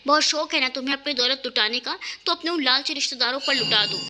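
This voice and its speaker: A woman's voice: high-pitched, quick pace. A woman voicing a stern proud young husband. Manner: curt, flat and harsh.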